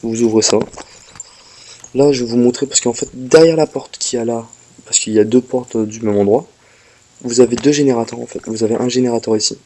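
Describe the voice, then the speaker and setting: A man's voice: mid-range voice, brisk, warm tone, a little hiss or hum. A man casually commenting on his game as he plays, explaining each step to viewers and talking to the game, a little ill. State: slightly ill, coughing. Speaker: gameplay commentator. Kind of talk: casual gameplay walkthrough commentary.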